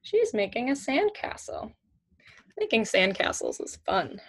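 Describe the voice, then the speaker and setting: A woman in her twenties, voice on the high side and sing-song, reads a children's picture book at a measured pace. Her simple, teacherly phrasing includes questions, and she's in a small indoor room at home with shelves.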